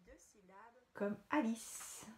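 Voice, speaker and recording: A woman with a French accent, a teacher, slowly and clearly talking young pupils through a reading lesson with lots of repetition. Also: on the high side, a little mellow. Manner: slow, clear, repetitive teacher talk to children. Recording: echoey room with faint noise.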